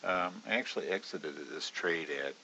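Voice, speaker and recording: Low-voiced man walking through a trade. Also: moderate pace, bright, forceful tone, muffled recording, a little hiss or hum. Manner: casual, chatty, many fillers, bursts into high-pitched alarm retelling panic. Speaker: options trading educator. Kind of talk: screen-recorded trading walkthrough.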